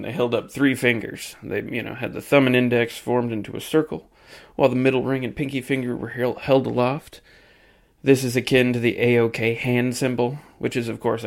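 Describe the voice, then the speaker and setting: A man's voice: medium pitch, creaky. A man delivering a reflective monologue, musing aloud with frequent "you know" fillers. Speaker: podcast segment host.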